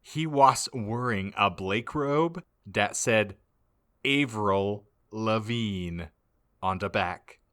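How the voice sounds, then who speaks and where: A podcast host narrates a fan-fiction story for comedy in a fairly low, forceful voice. He reads very slowly and pronounces every misspelled word exactly as written.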